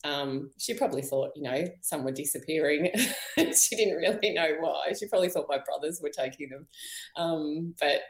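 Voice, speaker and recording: An Australian woman in her fifties, appearing as a podcast interview guest, tells her own story candidly while losing her voice. She's chatty, full of ums and you knows, laughs lightly and often, and speaks low at a moderate pace in a reverberant space.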